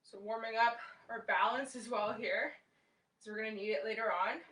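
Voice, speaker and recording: A young woman with a fairly high, slightly bright voice leads a home workout class at normal speed, cueing exercises and counting reps encouragingly as she moves. She's a fitness instructor in a small room indoors at home. A camera across the room picks her up from afar, so the sound is distant with a roomy echo.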